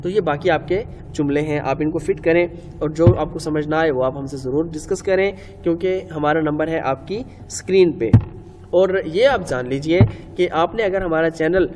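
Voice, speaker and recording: Man teaching grammar, echoey reverb. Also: on the high side. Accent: Pakistani Urdu. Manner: explains step by step, repeats key rules, asks and answers own questions. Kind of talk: Urdu-language grammar lecture. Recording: long reverb, faint ambient noise.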